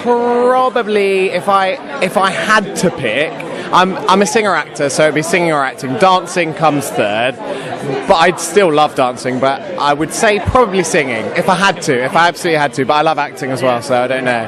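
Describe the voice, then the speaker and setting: A man's voice: on the high side, moderate pace, a crowd in the background. A young British man, an actor, chatting casually and enthusiastically in an interview. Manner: enthusiastic, gushing. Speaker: pantomime actor and singer.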